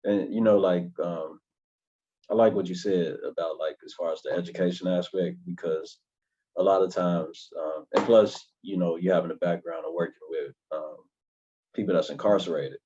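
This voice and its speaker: A man co-hosting a casual interview, speaking hesitantly with many pauses and fillers. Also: low-pitched, steady tone, warm tone, breathy edge. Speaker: podcast co-host. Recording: dull lo-fi audio.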